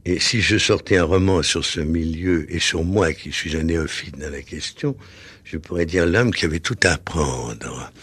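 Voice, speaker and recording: Husky low-voiced man as a radio guest. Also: moderate pace, fairly bright tone, no room sound. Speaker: guest author. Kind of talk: radio interview.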